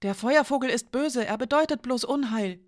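A young woman weighed down by guilt, close to tears and pleading, as a woman reading a story puts her on. The voice sits noticeably higher than the narration and pushes forward with emotion. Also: moderate pace, lightly acted. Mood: tearful.

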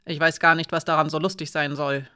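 A woman reading a proud, prickly young female servant with a sharp, indignant manner in an audiobook. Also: sits low, flat delivery, brisk, smooth. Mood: snappish.

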